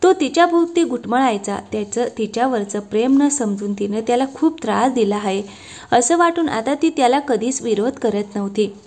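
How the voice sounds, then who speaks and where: A woman narrating a romantic story in a soft, steady storytelling manner. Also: on the high side, normal speed.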